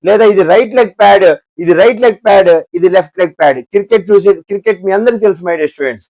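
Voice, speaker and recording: High-voiced Telugu-accented teacher. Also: male voice, racing, a little mellow, dry recording. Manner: repeats each syllable, asks and answers himself. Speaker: Hindi teacher. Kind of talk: classroom lesson.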